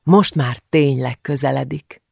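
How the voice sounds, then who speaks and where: Man reading a big, kindly father, gentle and teasing, with a gravelly low-key tone. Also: fairly even intonation, dry recording, studio quality. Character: big, good-humoured father of a young girl.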